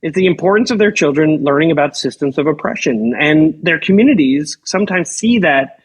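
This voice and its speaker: A man's voice: fairly high pitch, expressive, fairly quick, husky. A middle-aged man hosting an interview podcast, eager and enthusiastic, his voice distant and hollow as if down a well because his mic was left off. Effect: distant hollow sound, as if down a well, from a mic left off. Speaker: podcast host. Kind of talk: conversational interview.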